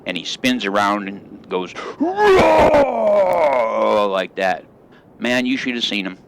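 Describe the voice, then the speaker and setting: Brief: middle-aged male host, folksy rambling storyteller, lowish voice, loud engine hum behind. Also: moderate pace. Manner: folksy, rambling drawl with country grammar. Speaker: gaming channel host. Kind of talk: storytelling while playing a driving game.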